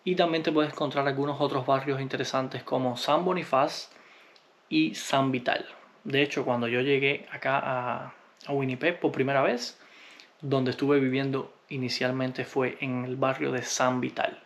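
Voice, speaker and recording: Relaxed man answering viewer comments. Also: medium pitch, slight background noise. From Cuba. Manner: relaxed, unhurried, with frequent hesitations. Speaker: vlogger.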